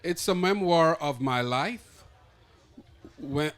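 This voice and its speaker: A man from Guyana presents his memoir to a crowd. He speaks slowly, often restarting his phrases, in a slightly high voice. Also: animated. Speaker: memoir author. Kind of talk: book presentation.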